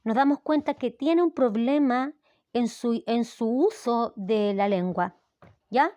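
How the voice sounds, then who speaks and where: A woman's voice: fairly high pitch, slow, dark tone, no echo. Chilean woman teaching a language lesson. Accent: Chilean Spanish. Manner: explanatory, with frequent "¿ya?" check-ins. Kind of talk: recorded lesson.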